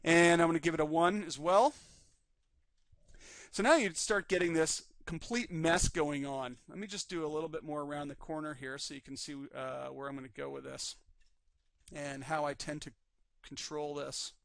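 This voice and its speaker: A man teaching a live 3D rigging class, calmly narrating each step on screen while his voice is slightly worn. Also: fairly high pitch, moderate pace, gravelly, no room sound. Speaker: 3D rigging instructor. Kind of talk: live screen-recorded software tutorial.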